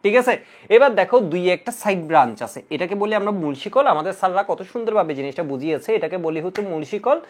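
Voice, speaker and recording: A man's voice: sits high, rapid-fire. A man teaching chemistry in an exam-prep lecture, quizzing students and answering his own questions, drilling key rules by repeating them. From Bangladesh. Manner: lively, coaxing, asks students questions and answers them himself.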